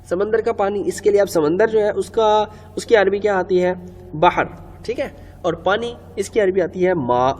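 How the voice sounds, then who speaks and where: A man's voice: sits high, darkish tone. Man teaching grammar, echoey reverb. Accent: Pakistani Urdu. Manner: explains step by step, repeats key rules, asks and answers own questions. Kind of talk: Urdu-language grammar lecture. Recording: long reverb, faint ambient noise.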